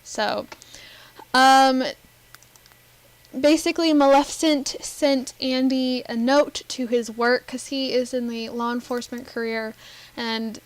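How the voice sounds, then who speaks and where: A woman giving casual, rambling commentary over a life-simulation game, giggling often and filling pauses with ums. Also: high-pitched, fairly even intonation, rough recording. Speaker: Sims gameplay narrator.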